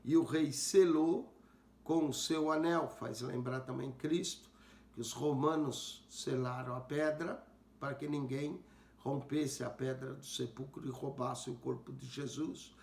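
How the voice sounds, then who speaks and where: A male pastor teaching a Bible passage, speaking deliberately and repeating verses to comment on them. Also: mid-range voice, steady tone, creaky, a little mellow. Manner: slow, deliberate, rereads verses aloud and comments. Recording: roomy echo.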